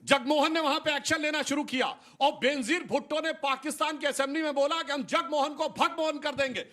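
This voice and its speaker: A man's voice: extremely high pitch, steady tone, a little fast, bright, forceful tone. A man arguing as a panelist in a heated TV debate, insistently demanding to be heard.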